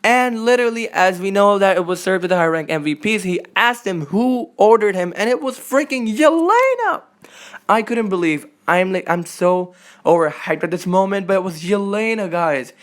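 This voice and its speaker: A young man hosting an anime reaction channel, recapping an episode in an excited, casual way, full of fillers and gushing asides. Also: high-pitched, moderate pace, smooth. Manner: animated, filler-heavy, gushing.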